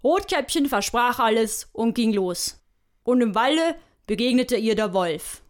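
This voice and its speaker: A woman's voice: on the high side, expressive, measured pace. A woman telling a bawdy comic fairy tale in a hearty, rambling, folksy yarn style. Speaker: storyteller.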